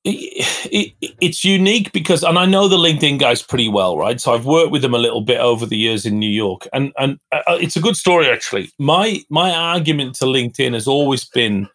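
A man's voice: mid-range voice, animated, a little fast, few pauses, fairly bright tone. A middle-aged man talking as a podcast guest, blunt and fired-up, swearing freely as he makes his points. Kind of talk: candid interview talk.

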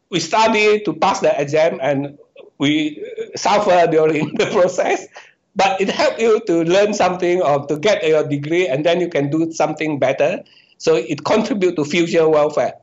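Halting professor with a muffled sound. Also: male voice, on the high side. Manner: halting, self-correcting, explaining step by step. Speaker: economics professor, guest. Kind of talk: answering questions in a podcast interview. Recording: dull, muffled lo-fi audio.

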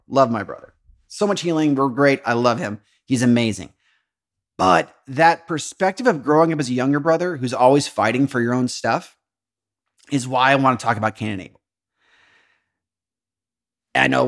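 A man at an easy middle pitch talks through scripture like he's chatting with friends. He drops casual slang, laughs a lot, and throws himself into the voices of the people he quotes. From Texas. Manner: laid-back slangy talk, laughs often, acts out quoted lines. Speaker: podcast host. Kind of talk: casual devotional Bible talk.

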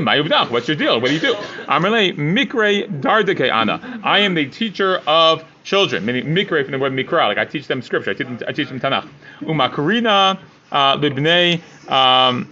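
A man leads a casual Talmud class, translating line by line and filling his speech with likes and you-knows. His voice sits fairly high and sounds bright and forceful. The recording is dull and lo-fi. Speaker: Talmud teacher.

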